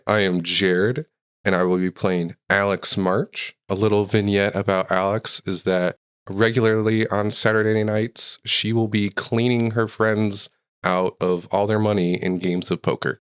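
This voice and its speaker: A man's voice: lowish voice, steady tone, moderate pace, fairly bright tone, smooth. A man hosting a tabletop role-play podcast, reading an intro dramatically while sounding sick. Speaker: host and player.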